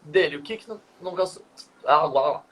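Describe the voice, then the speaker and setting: A man's voice: a little high, fairly quick, a little hiss or hum. A young man, a dance teacher, telling a personal story in a casual live stream over a video call and acting out the dialogue. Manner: animated, quotes dialogue vividly.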